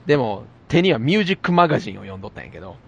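A man with a Kansai accent telling an animated anecdote in casual chat. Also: medium pitch, very fast, gravelly, highs cut off, slight background noise. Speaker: storyteller.

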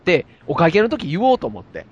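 A man with a Kansai accent telling an animated anecdote in casual chat. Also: high voice, a little fast, slightly rough, lo-fi sound. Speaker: storyteller.

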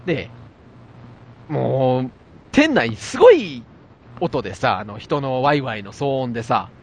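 A man with a Kansai accent telling an animated anecdote in casual chat. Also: medium pitch, measured pace. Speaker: storyteller.

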